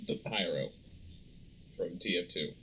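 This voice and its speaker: A man's voice: deep voice, animated, a little slow, pushed and bright. A man co-hosting a podcast, trading casual banter in a teasing, sarcastic way. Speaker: podcast co-host. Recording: clearly noisy background with clicks.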